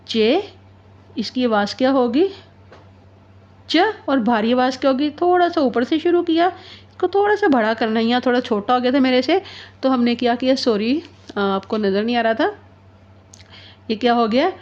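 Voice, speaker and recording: A woman with a sore throat, patiently teaching handwriting, asking questions and answering them herself. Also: fairly high pitch. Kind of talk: handwriting lesson. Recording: dull lo-fi sound.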